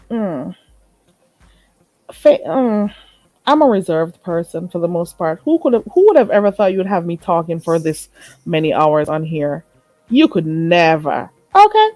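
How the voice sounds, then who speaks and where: On a late-night live chat with viewers, a woman host with a low, dark voice chatters emphatically, sounding stuffy and somewhat nasal. Talkative, she tends to repeat herself. The close-miked recording is dry but rough.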